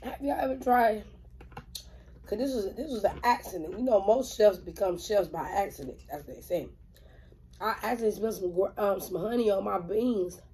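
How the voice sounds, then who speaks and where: A woman's voice: medium pitch, normal speed, warm tone, a little hiss or hum, rough recording. A woman, chatting bluntly and profanely on camera while she eats, rambling as she goes. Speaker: mukbang vlogger. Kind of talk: casual chat while eating on camera.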